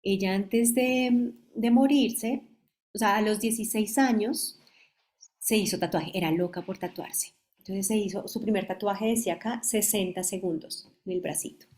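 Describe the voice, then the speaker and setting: A woman in her forties with a Colombian accent, a mother giving a halting, emotional personal testimony. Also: mid-range voice, darkish tone. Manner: halting, emotional, restarts mid-phrase.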